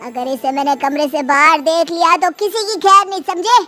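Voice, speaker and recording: A woman's voice: very high voice, steady tone, moderate pace, sharp tone, soft background music. A woman voicing a domineering, rude uncle. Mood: contemptuous. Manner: contemptuous, scolding. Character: rude, domineering middle-aged uncle-in-law.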